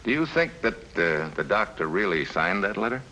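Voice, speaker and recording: An actor playing a tough, terse American special agent in a 1950s radio drama. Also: male voice, low-pitched, very animated, moderate pace, sharp tone, slight background noise, exaggerated voice, low-quality recording. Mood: wry. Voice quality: terse, wry.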